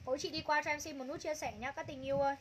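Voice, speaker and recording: A woman's voice: high voice, fairly even intonation, rapid-fire, a little hiss or hum, poor audio. A woman runs a live clothing sale, calling out prices and item codes over and over in a gushing sales patter. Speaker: livestream clothing seller.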